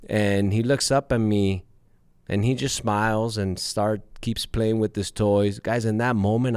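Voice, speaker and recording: A man's voice: on the low side, a little mellow, clear, resonant tone, no echo. A man in his thirties hosting a show, telling a personal story to his listeners in a candid, profane way and calling them guys. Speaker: podcast host.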